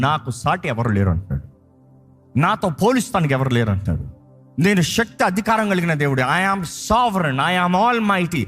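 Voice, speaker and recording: A male pastor preaching a sermon in a Telugu accent, repeating phrases with emphasis and drawing key words out slowly. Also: on the high side, fairly bright tone, slightly rough.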